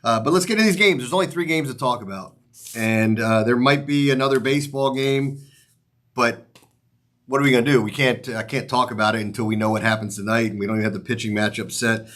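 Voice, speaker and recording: A male sports picks host with a mid-pitched voice speaks straight to his viewers in a loose, rambling style. He swears mildly and keeps things informal. His words come out slightly off, like someone talking through a mouth still numb from dental work. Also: fast talker, fairly bright tone. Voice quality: slightly off articulation, as from a numb mouth after the dentist. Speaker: sports betting show host.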